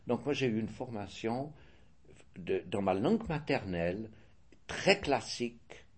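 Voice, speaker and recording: An older man with a Swiss French accent answers interview questions in a measured, hesitant way, often restarting and correcting himself. His husky voice is fairly low and has a sing-song quality.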